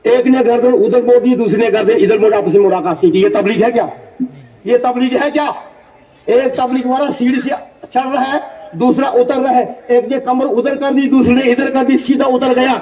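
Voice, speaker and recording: High-pitched old man preaching in an echoey hall. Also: steady tone, moderate pace. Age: 60s. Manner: impassioned, rising to shouts. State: unwell. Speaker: madrasa head. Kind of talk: sermon. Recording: echoey distant lo-fi hall recording.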